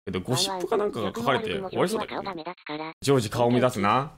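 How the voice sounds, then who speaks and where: A man's voice: medium pitch, very animated, very fast, crowd noise. A man live-streaming, rambling and joking in casual chat with his viewers. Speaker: game streamer. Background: background music.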